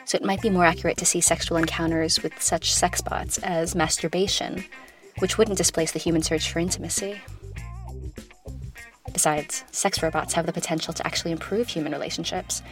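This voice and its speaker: Woman podcast host, lowish voice, scripted opinion narration, smooth composed delivery, wry asides, faint music behind. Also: fairly even intonation, fairly quick.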